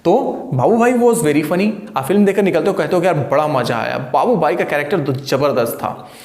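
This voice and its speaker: A man teaches a video lesson with a slightly high voice. He talks in a chatty, coaxing way and keeps checking on his students. The sound carries a noticeable room echo. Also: lively intonation, a little fast, a little mellow. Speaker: English teacher.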